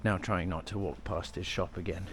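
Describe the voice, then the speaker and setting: A man's voice: low voice, steady tone, moderate pace. A young Australian man vlogging as he walks through old-town streets, holding the camera and rambling casually with the odd swear. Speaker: travel vlogger. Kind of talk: casual rambling walk-and-talk. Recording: clear street and traffic noise.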